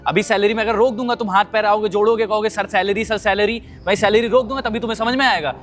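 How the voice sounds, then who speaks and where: A man's voice: sits high, fairly even intonation, fast, fairly bright tone, soft background music. A man playing a domineering restaurant manager who scolds and threatens a security guard. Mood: scolding. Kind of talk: amateur short-film acting.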